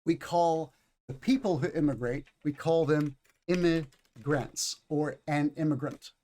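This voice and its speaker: A man's voice: fairly high pitch, measured pace, dark tone. A tired American man with a Southern accent teaches an online English class, patiently explaining and repeating key words. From United States.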